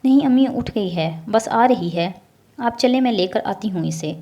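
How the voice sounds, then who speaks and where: Woman doing a kind anxious older sister, coaxing, mellow voice, storybook reading. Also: mid-range voice, expressive, lo-fi sound, natural voice. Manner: coaxing, urgent.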